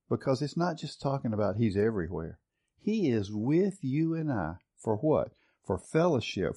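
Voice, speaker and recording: A mid-range, dark-toned male voice guides a Bible study session. Earnest and reflective, he reads passages and compares translations, and he tends to repeat words while working out what to say.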